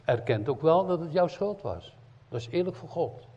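A man preaching a sermon in as an evangelist, emphatic, swinging between loud cries and quiet earnest asides. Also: fairly high pitch, expressive, moderate pace. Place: church hall. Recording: dull lo-fi sound in a reverberant church hall.

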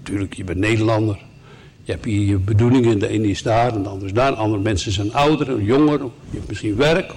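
A man's voice: on the low side, fairly quick, darkish tone. Male preacher, sermon delivery, emphatic and earnest, faint noise behind. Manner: earnest, emphatic, with asides to the listeners.

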